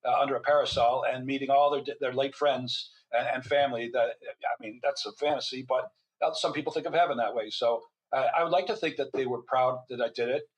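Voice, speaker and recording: An older man who is both physician and author speaks fairly quickly with few pauses as a podcast guest, his mid-range voice steady in tone. He tells stories chattily, with wry asides and frequent restarts, on a low-quality recording.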